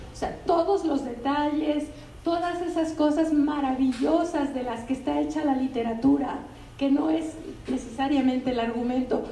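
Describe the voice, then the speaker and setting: An older woman, a literary translator giving an animated, conversational talk and often turning to the audience with asides. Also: sits high. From Mexico. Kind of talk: anecdotal public talk. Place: bookstore event room. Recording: roomy, distant, faint ambient noise.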